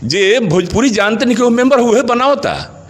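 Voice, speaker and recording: A middle-aged man with a Bhojpuri accent speaking passionately in an interview, asking rhetorical questions and rising in pitch on his points. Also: very animated, moderate pace. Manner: emphatic, rhetorical questions, rises in pitch when stressing points.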